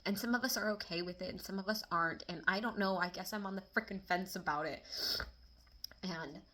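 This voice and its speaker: A woman with a bright, sharp-edged voice talks openly to her camera in a personal confessional vlog. She is candid and emotional, caught between laughter and near tears. Her talk breaks into quick bursts of exasperation with casual swearing. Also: mid-range voice. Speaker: vlogger.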